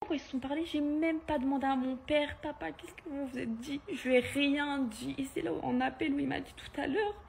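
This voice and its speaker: A woman's voice: high-pitched, fairly even intonation, fairly quick, gravelly, hardly any pauses, darkish tone, slight background noise. Upset young woman telling her story. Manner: emotional, hurt and angry, addressing viewers as girls. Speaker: content creator. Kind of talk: storytime vlog to her viewers.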